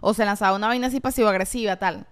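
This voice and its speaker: A woman's voice: mid-range voice, smooth. A woman in her twenties with a Venezuelan Spanish accent, co-hosting a podcast and telling stories in casual chat full of slang. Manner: fast, animated storytelling with slang. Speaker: podcast co-host.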